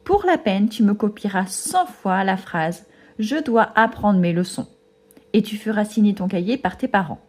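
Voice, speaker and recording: Casting: a woman playing a strict classroom teacher, firm and stern, with a lively rise and fall. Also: mid-range voice, normal speed. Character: strict female schoolteacher.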